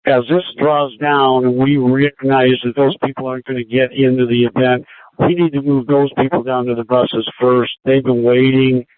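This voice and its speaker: Flat-voiced man over a tinny radio. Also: medium pitch, moderate pace, no echo. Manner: calm, procedural radio talk. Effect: heard over a two-way radio. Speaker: air command radio dispatcher. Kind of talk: radio dispatch traffic. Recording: tinny dry radio transmission.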